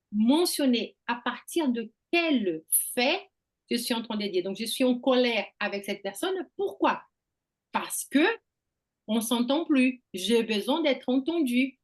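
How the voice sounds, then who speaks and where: A woman hosting a group talk, explaining ideas through personal examples and checking in with "okay?". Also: fairly high pitch. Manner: explains with examples, asks "d'accord?". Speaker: workshop host. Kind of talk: conversational teaching.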